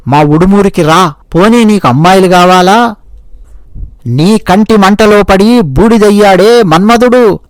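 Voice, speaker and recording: A man's voice: sits high, no room sound, natural voice. A man playing a young hunter pleading with his god. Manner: earnest, coaxing, repeats himself.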